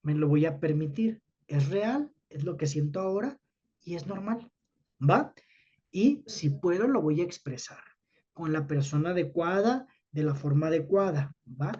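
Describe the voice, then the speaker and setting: A man's voice: a little high, expressive, unhurried, mellow, breathy edge, dull audio. A man, teaching students about emotions in an explanatory talk, often checking in with his listeners.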